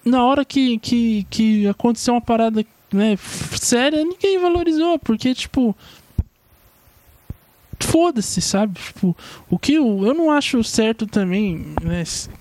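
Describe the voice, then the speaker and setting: A man's voice: extremely high pitch, lively intonation, a little slow, a little mellow, slight background noise. A young man with a Brazilian Portuguese accent giving a rambling, slangy opinion monologue full of swearing.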